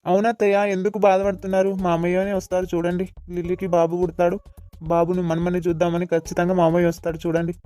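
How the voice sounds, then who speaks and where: Cartoon young husband voiced by a man: eager, fast-talking, high and mellow. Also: completely flat delivery, soft background music, lightly acted. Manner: eager, reassuring.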